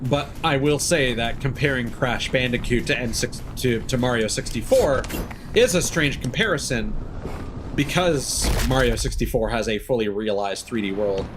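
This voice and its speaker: A man provides casual gaming commentary as a live streamer, chatting while he plays and thinking aloud in a rambling, opinionated way. His pitch is medium and his speed normal, with some background noise.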